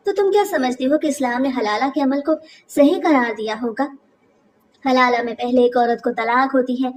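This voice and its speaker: A woman's voice: fairly high pitch, distant mic, close to an everyday voice. Woman voicing a preachy devout young woman. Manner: preachy, emphatic. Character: devout young woman friend, religious teacher, lecturing firmly.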